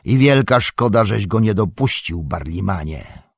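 A grim, watchful ranger speaks low and measured in a storybook reading, as a man reads him out. The voice is deep, husky and gravelly. It sounds close and dry. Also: lively intonation, no echo, exaggerated voice. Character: grim watchful male ranger, calm and wry.

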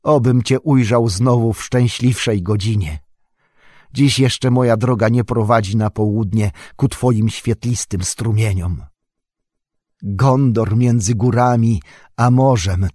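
A man's voice: medium pitch, a little mellow, dry recording, clean studio sound. A man voicing a noble, weary male ranger who speaks solemnly and with longing, his voice raised and ringing.

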